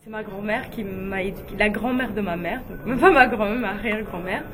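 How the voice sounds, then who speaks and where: A young adult woman from Guinea, a beauty pageant runner-up, tells personal stories in an interview. Her medium-pitched voice moves briskly, and she sounds relaxed and chatty, with frequent fillers and light laughs.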